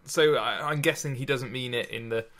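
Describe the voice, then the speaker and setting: A man's voice: medium pitch, normal speed, fairly bright tone. A man co-hosting a casual chat about poetry, hesitant and repeating his words. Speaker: podcast co-host. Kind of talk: casual literary discussion.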